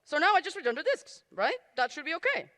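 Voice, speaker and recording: A woman talks an audience through live coding in a bright, clear voice, tossing in self-mocking jokes as she types. Her voice rings through a large hall with a long reverb tail. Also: high-pitched, big pitch swings, fast. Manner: self-deprecating, joking asides while typing. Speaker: conference speaker. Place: conference stage in a large hall.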